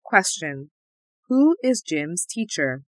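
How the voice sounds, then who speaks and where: A woman reading an English listening test in a slow, carefully enunciated way. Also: on the low side, sing-song, no room sound. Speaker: test audio reader.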